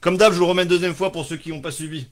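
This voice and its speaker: A man's voice: a little high, racing. A man hosting a casual live stream, joking, rambling and swearing offhandedly as he reads out viewers' answers.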